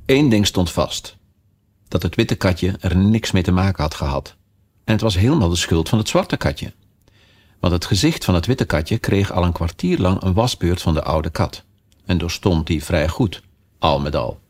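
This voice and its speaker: A man narrating a children's classic as an audiobook, in a slow, measured storytelling manner. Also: low voice, animated, darkish tone.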